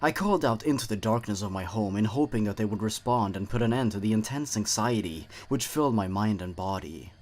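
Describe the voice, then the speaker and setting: Reading scripted horror tales aloud, this low-voiced man keeps a steady, deliberate rhythm. His narration of the eerie short stories grows quiet and hushed whenever the suspense rises.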